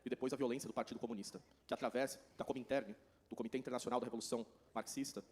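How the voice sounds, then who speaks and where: A man with a Brazilian Portuguese accent works as a consecutive interpreter at a conference. His mid-pitched voice moves very quickly through each translated passage. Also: fairly even intonation, darkish tone. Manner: rapid, running translation.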